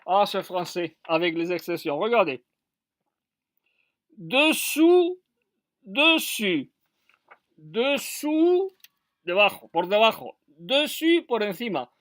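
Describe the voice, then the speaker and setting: A woman's voice: on the low side, lively intonation, moderate pace, few pauses, dry recording, studio quality. A woman teaching French spelling and accents to Spanish speakers, spelling out letters one by one and repeating words. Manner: switches to Spanish to explain. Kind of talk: classroom lesson.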